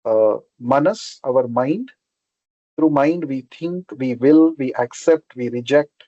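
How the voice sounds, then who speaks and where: A man's voice: medium pitch, slow, dark tone, no echo. A man from South India with a Telugu Indian accent gives an explanatory religious lecture as a spiritual teacher, repeating key terms and checking in with short questions. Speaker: spiritual teacher giving a scripture class. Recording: dull lo-fi sound.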